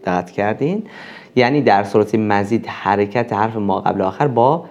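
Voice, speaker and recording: Low-voiced man teaching a lesson. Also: darkish tone, muffled recording. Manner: explains slowly, drawing out example words; repeats example phrases twice. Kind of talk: recorded language lesson.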